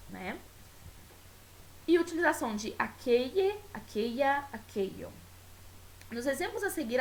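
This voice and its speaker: A Brazilian woman teacher giving a recorded Spanish lesson with a Brazilian Portuguese accent. She explains patiently and keeps checking in with her class. She stretches out example words slowly so they can hear the pronunciation. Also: a little high, a little hiss or hum, low-quality recording. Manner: checks in often with tag questions. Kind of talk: recorded school video lesson.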